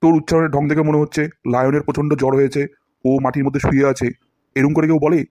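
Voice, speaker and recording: A fast-talking man keeps a level tone as a self-important animated English teacher, scolding pupils and dramatizing every word he teaches. His natural voice is a bit high for a man and a little mellow, recorded close and dry with no echo or room sound.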